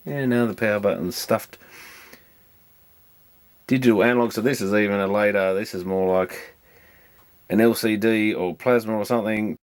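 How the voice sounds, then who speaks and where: Presenting a repair video, this electronics repairer talks at a moderate pace in a lowish, steady voice with a clean tone. His commentary is casual and hands-on, a rambling, matter-of-fact stream of thought as he works on the gear.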